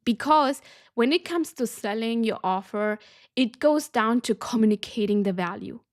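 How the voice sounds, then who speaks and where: Emphatic woman business coach, higher voice. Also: animated, moderate pace, no echo, clean studio sound. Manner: emphatic, keeps checking in with "okay?". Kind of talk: teaching a coaching lesson.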